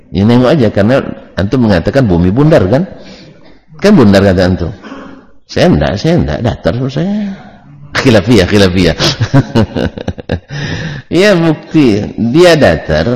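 A man's voice: medium pitch, darkish tone, in a large hall. A man teaching an Islamic study lecture, joking with his listeners and answering his own questions. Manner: joking, banters with the audience; asks questions and then answers them himself.

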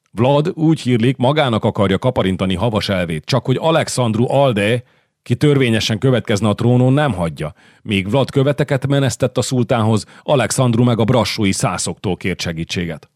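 A man voicing a gruff, hot-tempered middle-aged nobleman who bellows and curses bluntly in an audiobook. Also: mid-range voice, expressive, darkish tone, no echo, studio quality, pitched above the performer's own voice, natural voice. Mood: scornful. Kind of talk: audiobook character voice.

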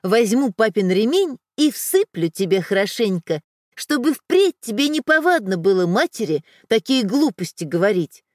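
Brief: woman reading as firm middle-aged mother, scolding yet tender, lively voice, dry sound. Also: medium pitch, normal speed, dry recording, lightly acted.

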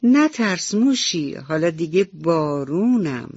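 A woman voicing a big, gentle thunder cloud in a radio bedtime story, speaking slowly and drawn out. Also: on the low side, big pitch swings, husky, no room sound, full character voice. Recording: slightly dull radio recording.

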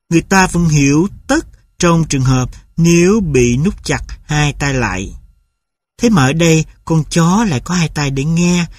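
A man's voice: a little high, dry recording. Man reading a story in a dry room. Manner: steady storytelling. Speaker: narrator. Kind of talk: audiobook reading.

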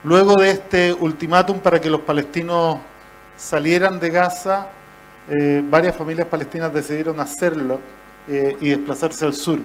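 A man from Chile with a Chilean accent giving an impassioned political speech, with rhetorical lists and frequent "eh" pauses. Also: a little high, steady tone, a little hiss or hum, poor audio. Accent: Chilean Spanish. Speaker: political speaker.

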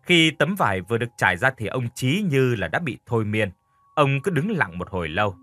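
A man narrating a spooky story in a scripted, expressive storytelling style. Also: medium pitch, a little fast, soft background music. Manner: expressive, voices characters lightly.

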